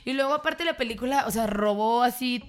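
A woman with a Mexican accent, co-hosting a podcast in an animated, joking casual chat. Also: on the high side, fairly quick. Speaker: podcast co-host.

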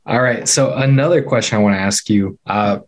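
Low-voiced man hosting a faith interview. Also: fairly quick. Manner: affirming, asks questions. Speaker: podcast host. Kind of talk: casual interview.

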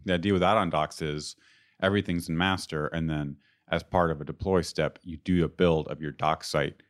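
A man with a low, unhurried voice, getting over being sick, chatting casually about technical work as a co-host. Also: steady tone. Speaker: podcast co-host. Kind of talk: casual tech chat.

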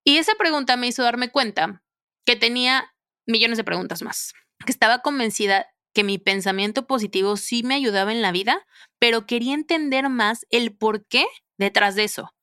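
A woman hosting a podcast, telling a personal story in a chatty, expressive way with lots of filler phrases. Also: fairly high pitch, normal speed, clean tone, no room sound, clean studio sound. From Mexico. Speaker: podcast host.

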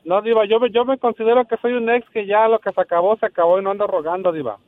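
Male radio caller, high-pitched, playful and jokey. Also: steady tone, fast, no echo, narrow, tinny audio. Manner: joking, playful. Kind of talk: phone-in chat.

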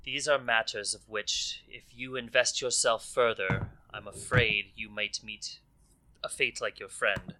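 A man voicing a poised, formal noblewoman in a tabletop game, speaking quietly and in a measured way. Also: fairly low pitch, fairly even intonation, a little hiss or hum. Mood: grave.

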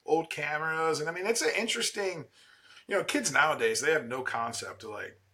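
A man's voice: on the high side, animated, fairly quick, sharp tone. A man in his thirties from Ohio hosting a podcast, talking eagerly and casually with lots of fillers. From Ohio, USA. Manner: enthusiastic, chatty, many fillers. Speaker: podcast host. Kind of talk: casual interview chat.

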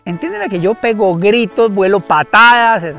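A man, an animal rescuer interviewed as a guest, telling stories expressively and acting out the voices and shouts. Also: high voice, expressive, moderate pace, soft background music. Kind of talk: animated storytelling.

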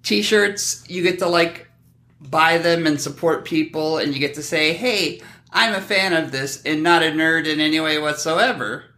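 Bright, forceful middle-aged man bantering. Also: a little high, measured pace, echoey room. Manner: animated, joking, mock-defensive. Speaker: podcast host. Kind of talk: casual comedic banter.

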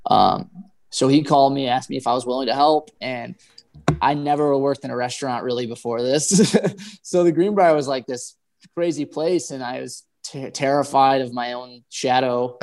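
A man chatting casually and without a script, talking in a halting, rambling way like a guest chef telling stories. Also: mid-range voice, gravelly. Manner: halting, rambling, animated storytelling with acted-out quotes. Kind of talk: casual chat, natural unscripted talk.

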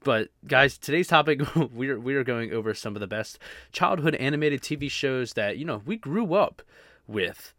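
A man hosting his own podcast in casual solo chat, rambling and halting, with many fillers and restarts. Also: mid-range voice, animated, fairly bright tone, dry recording, clean studio sound. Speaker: podcast host.

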